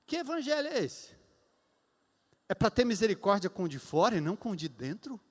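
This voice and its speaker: Emphatic high-voiced Brazilian preacher. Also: male voice, very animated, a little fast. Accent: Brazilian Portuguese. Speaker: pastor. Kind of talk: sermon. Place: church sanctuary. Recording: long reverb of a church hall.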